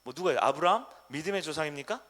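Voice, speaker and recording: Animated preacher man, lively pitch. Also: quick pace. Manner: animated, asks the congregation questions, swings from loud to hushed. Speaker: pastor. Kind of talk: sermon. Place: church sanctuary.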